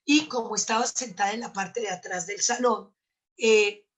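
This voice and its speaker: A woman's voice: medium pitch, moderate pace. A middle-aged woman, an NLP trainer, telling a story in a live talk and acting out both sides of a dialogue.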